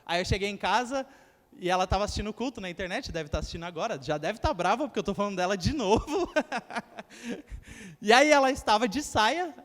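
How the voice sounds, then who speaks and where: A young male preacher with a strikingly high voice gives a sermon. He tells stories and acts out short quotes, addressing the congregation directly. His voice rings with a long church reverb. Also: lively intonation, fairly quick, a bit bright. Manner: storytelling with acted quotes and asides to the congregation.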